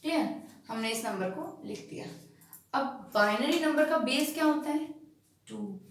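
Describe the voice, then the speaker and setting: Slow, high-voiced woman teacher. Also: expressive, a little hiss or hum. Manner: asks checking questions and answers them herself; slow and emphatic when spelling out digits. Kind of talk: classroom lesson on binary numbers. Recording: echoey room, far from the mic.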